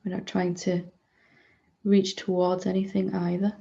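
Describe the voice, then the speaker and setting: A spiritual teacher leads a guided meditation in a soft-edged, mellow, fairly low voice with a noticeable creak. She stays very even and gentle, speaking in short phrases with generous pauses. The recording sounds slightly dull.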